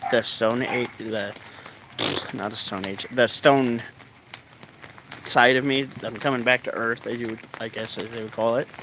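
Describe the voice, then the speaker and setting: A man's voice: medium pitch, fairly even intonation, unhurried, a bit bright, poor audio. A stoned man chatting casually to his viewers outdoors, with a laid-back, meandering way of talking. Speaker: vlogger. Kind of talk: casual rambling chat to camera. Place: outdoors in rainy, cold weather. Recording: faint rain noise outdoors. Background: light rain.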